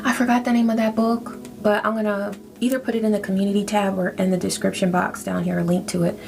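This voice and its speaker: A tarot reader gives a casual spiritual reading, reassuring her listener and often checking in with "okay?". Her mid-range voice is level, fast, creaky and a little mellow, with faint music in the background.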